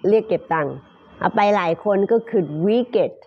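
A Thai woman teaching English pronunciation in a live stream, drawing out model phrases slowly between quick explanations. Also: mid-range voice, animated, dull audio, noisy background.

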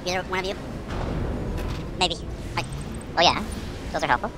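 A man whose voice is sped up into a high chipmunk sound, joking and cursing in casual gaming banter. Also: normal speed. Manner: joking, cursing, loud outbursts. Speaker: online strategy game player. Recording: noisy sped-up game capture.

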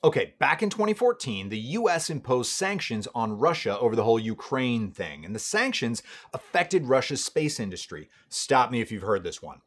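A man in his thirties delivers scripted comedic commentary, his pitch leaping all over the place. He sounds sarcastic and mock-boastful, talking up his own greatness for laughs. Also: very animated, normal speed, hardly any pauses. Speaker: comedy web show host.

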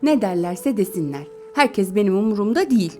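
A woman's voice: mid-range voice, lively intonation, brisk, mellow, faint music behind, close to an everyday voice. A woman voicing an impatient, headstrong young man in a storybook reading, speaking in an urgent, insistent way.

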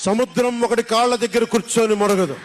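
An actor playing a defiant, proud male film hero, declaiming slow, shouted lines from a film clip. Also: high-pitched, natural voice. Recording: film clip with loud music.

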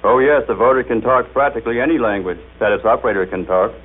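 Heard on a thin, band-limited radio recording from the 1930s, an American man with a mid-range voice talks fast through a formal scripted demonstration, enunciating with a showman's precision.

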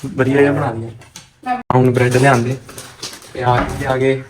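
A man's voice: medium pitch, little pitch movement, normal speed, noisy background. A man with a Punjabi accent co-hosting a casual home vlog, talking plainly and teasing a little. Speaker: vlog co-host.

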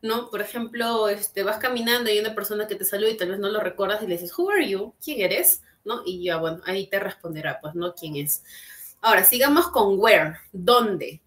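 A woman's voice: medium pitch, expressive, normal speed, fairly bright tone. Patient woman teaching an online class. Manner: patient, explaining, checks in with frequent tag questions. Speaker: English teacher. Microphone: computer mic on video call.

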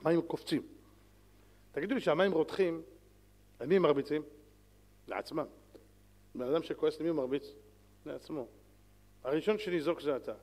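Animated rabbi preaching in a reverberant hall. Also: male voice, a little high, pauses often. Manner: animated, swings from loud exclamations to soft pleading. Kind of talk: Torah lecture sermon.

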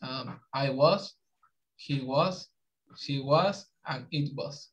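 A man's voice: medium pitch, very slow, a bit bright, poor audio. A man taking part as a student in an online English lesson, giving short, hesitant answers.

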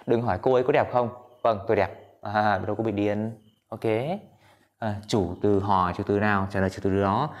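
Low-voiced man teaching English grammar. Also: fairly even intonation, dull audio. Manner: patient, asks students questions, repeats examples slowly. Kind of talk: whiteboard grammar lesson.

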